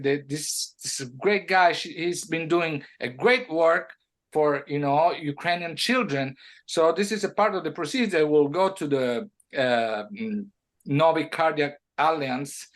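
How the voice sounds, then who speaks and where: A man from Italy with an Italian accent, a music producer talking in a casual interview, halting with many restarts and sudden animated bursts. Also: on the high side.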